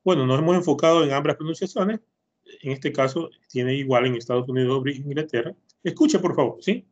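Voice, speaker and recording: A man's voice: mid-range voice, a little fast. A man with an Ecuadorian Spanish accent teaching an online English class to children, patiently repeating words to drill their pronunciation. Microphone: computer mic on a video call. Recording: muffled lo-fi video-call audio.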